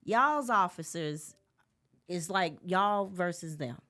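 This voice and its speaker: A woman from Birmingham, Alabama, a podcast guest telling stories in a casual, animated way. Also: lowish voice, slow pace. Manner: laughs easily, animated storytelling. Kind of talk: casual conversation.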